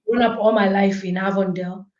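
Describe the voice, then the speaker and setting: A woman's voice: mid-range voice, steady tone, fairly quick, darkish tone. Chatty woman on an echoey call. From Zambia. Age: young adult. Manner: chatty, laughing, lots of ums. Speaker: guest, blogger. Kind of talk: interview answers. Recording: echoey dull remote call audio.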